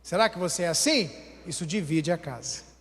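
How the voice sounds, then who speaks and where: A man's voice: a little high, fairly quick. A man preaching a humorous sermon with a Brazilian Portuguese accent, acting out everyday dialogues. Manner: animated, acts out everyday dialogues. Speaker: pastor. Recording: long hall reverb.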